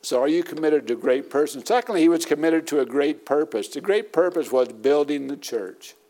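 A middle-aged man preaches to his congregation, pressing his points by saying them again and again. His voice sits a little higher than most men's. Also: brisk, warm tone. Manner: emphatic preaching with repetition. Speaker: pastor. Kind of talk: sermon.

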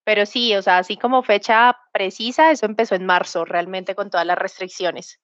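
This is a woman in her thirties with a Bogotá Colombian accent, answering interview questions in a halting way full of fillers and restarts. Her voice comes through dry and muffled, like dull lo-fi remote audio. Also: medium pitch, fairly even intonation, a bit bright, no echo. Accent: Bogotá Colombian Spanish. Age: 30s. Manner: hesitant, many fillers and restarts. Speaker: guest. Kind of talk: conversational interview.

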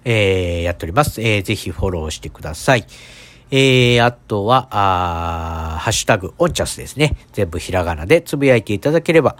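A man's voice: lowish voice, lively intonation, fairly quick. A man hosting a casual solo podcast in a stuffed-up, nasal voice, talking in a hesitant, rambling, apologetic way. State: congested nose. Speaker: podcast host.

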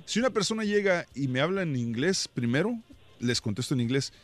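A man's voice: on the high side, big pitch swings, brisk, no room sound. A man hosting a radio show, chatting casually with slang and jokes. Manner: slangy and joking. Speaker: radio host. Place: radio studio.

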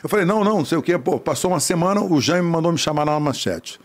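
A man telling a lively anecdote about his acting career, acting out the other people's voices. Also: on the high side, racing. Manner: animated storyteller, acts out voices. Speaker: actor telling a story. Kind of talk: casual anecdote.

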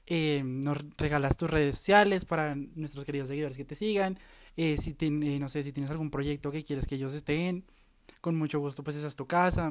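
A woman co-hosting a podcast, chatting casually in slangy, animated speech and laughing often. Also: low-pitched. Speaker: podcast co-host. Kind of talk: casual chat.

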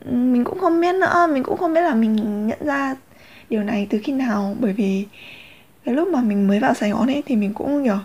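A woman's voice: a little high, lively intonation, a little fast, darkish tone. A young woman, rambling candidly in a casual confessional vlog. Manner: rambling, many fillers and restarts, candid. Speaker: vlogger.

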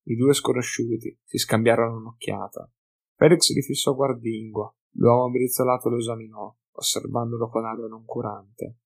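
A man narrates a fantasy audiobook with a mid-pitched, everyday voice. His storytelling is measured and even between the characters' lines. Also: vocal fry.

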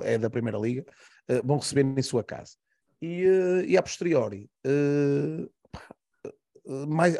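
A man with a Portuguese accent speaks on a football podcast panel. His voice is gravelly with a dark, mellow tone. He lists his points one by one, repeating and correcting himself as he goes. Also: medium pitch. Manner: repetitive, listing points, self-correcting. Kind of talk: casual podcast football analysis.

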